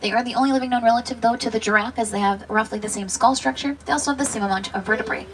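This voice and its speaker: A woman working as a safari guide, giving brisk, practised, informative tour commentary from the truck. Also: on the high side, music in the background. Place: open safari truck outdoors. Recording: distant, noisy vehicle tour announcement.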